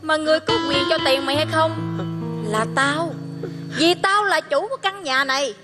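A woman's voice: sits high, moderate pace, close to an everyday voice. An actress playing a cold, contemptuous woman who married into wealth, in a cải lương stage drama. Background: traditional music accompaniment.

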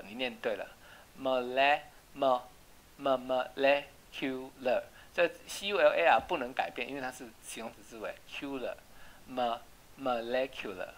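Patient tutor spelling out English words. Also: female voice, very deep voice, rough recording. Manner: explains words patiently, spells out letters, drills repetition. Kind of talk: home English reading and spelling lesson.

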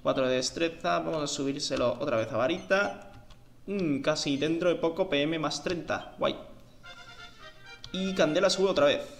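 A man's voice: a little high, moderate pace, vocal fry, soft background music. A man giving casual, slangy commentary while playing a video game. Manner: chatty, slangy, thinks aloud. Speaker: let's play gamer.

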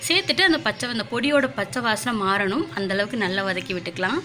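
Bright, fast-talking woman vlogger. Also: medium pitch, lively intonation. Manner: chatty, with frequent filler words. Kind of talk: casual vlog narration.

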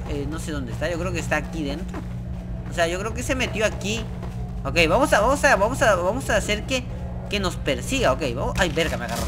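A man giving excited gameplay commentary as a gaming YouTuber, swearing and yelping in fright. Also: high-pitched. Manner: jumpy, swears, yelps and screams in fright. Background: game music.

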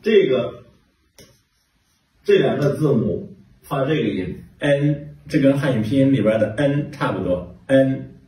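A man's voice: mid-range voice, expressive, measured pace, long pauses, warm tone, very echoey, distant mic, poor audio. A man teaching English pronunciation, patiently repeating single sounds and words for his students. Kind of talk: pronunciation lesson.

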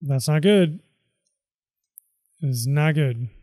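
A man's voice: on the high side, drawn-out words, mellow, no echo, clean studio sound. A tired man mumbling casual commentary to himself as he plays a video game. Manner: mutters reactions to himself. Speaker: let's play host.

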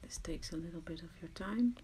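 Recording a crafting tutorial on screen at someone else's home, a woman from the Netherlands speaks with a Dutch accent in a low-ish, mellow, brisk voice. She's hesitant and self-deprecating, frequently trailing off into murmurs. There's slight background noise.

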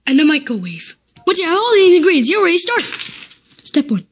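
A woman's voice: very high voice, very animated, fast. A woman giving childlike, step-by-step narration of a simple cooking demonstration. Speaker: cooking video creator. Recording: noisy homemade video.

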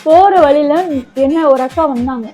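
Very high-pitched whiny young woman. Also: warm tone, faint music behind. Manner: whiny, drawn-out fake sobbing, repeats herself. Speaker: vlogger wife pulling a prank. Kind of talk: fake crying prank. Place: home, indoors.

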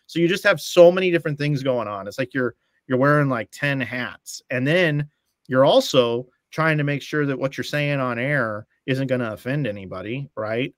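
A middle-aged man with an ordinary male pitch joins a casual podcast chat as a guest; he's a bowling stream commentator, calling in over video from a room at home. The sound is dry and close with no echo, and he talks at a moderate pace. He builds long stories, acts out quoted lines of dialogue, and often restarts his phrases.

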